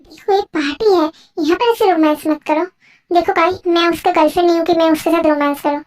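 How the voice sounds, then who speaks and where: A woman's voice: very high-pitched, steady tone, fast, rough recording. A woman voicing every part of a homemade fan dub drama in a plain conversational way. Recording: faint music behind.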